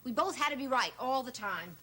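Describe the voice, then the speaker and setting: A woman's voice: high-pitched, expressive, brisk, pushed and bright, exaggerated voice. A woman playing a proud, combative middle-aged divorced mother in a television drama, blunt, scolding and sarcastic. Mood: exasperated. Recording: noisy 1970s television soundtrack.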